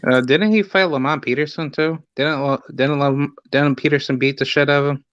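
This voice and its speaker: A man in a casual podcast chat, easygoing and hesitant, filling pauses as he goes. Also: on the high side, fairly even intonation, a bit bright, no echo. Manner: hesitant, easygoing, laughs along. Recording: dry lo-fi audio.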